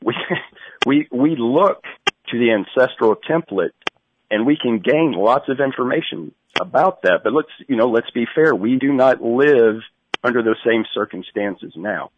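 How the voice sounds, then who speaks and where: A man's voice: mid-range voice, animated, unhurried, background noise. A man being interviewed over a fuzzy, distorted cell phone line. He explains his points in an agreeable way, with a few restarts. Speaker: interview guest.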